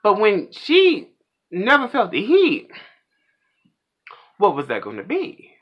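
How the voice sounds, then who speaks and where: A man hosting a pop culture vlog, ranting in a casual, animated and opinionated way. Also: sits high, takes it slowly, dull audio.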